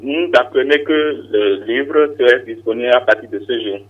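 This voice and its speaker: A male caller on a phone line, polite and a little halting as he pays tribute. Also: medium pitch. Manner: polite, apologetic, slightly halting. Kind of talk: call-in tribute. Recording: distant tinny phone line.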